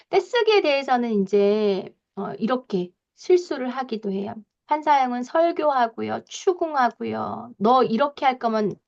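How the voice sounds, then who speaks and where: A woman parenting coach giving a lecture, talking in a lively way with frequent soft fillers and acting out parents' lines as she explains. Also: fairly high pitch, lo-fi sound.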